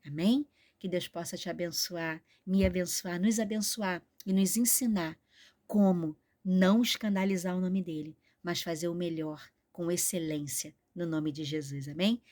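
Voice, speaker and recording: A woman's voice: fairly low pitch, normal speed, darkish tone. Emphatic Brazilian woman preacher. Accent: Brazilian Portuguese. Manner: emphatic, repetitive exhortation. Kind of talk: sermon-style teaching video.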